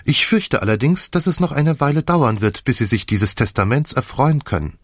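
A man's voice: medium pitch, lively intonation, moderate pace, no echo, clean studio sound, voice pushed up, natural voice. A man voicing a bold, self-assured young woman who speaks with cool reproach, in an audiobook.

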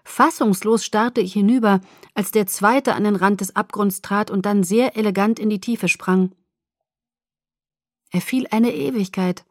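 A woman narrating a novel in the first person with a lively, expressive delivery. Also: medium pitch, no room sound, clean studio sound. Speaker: audiobook narrator.

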